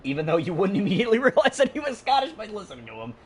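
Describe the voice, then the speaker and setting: A man's voice: sits high, sing-song, rapid-fire, husky. A young man chatting casually while streaming a video game, rambling from one thought to the next and laughing mid-sentence. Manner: rambling, chatty, jokes and talks to a friend. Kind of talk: casual let's-play commentary.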